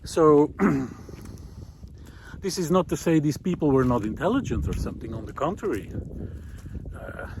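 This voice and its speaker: The male host of a walking video series gives a reflective monologue while out on a country road in hilly farmland. His medium-pitched voice sounds pensive and hesitant, and the outdoor recording carries clear, light ambient noise.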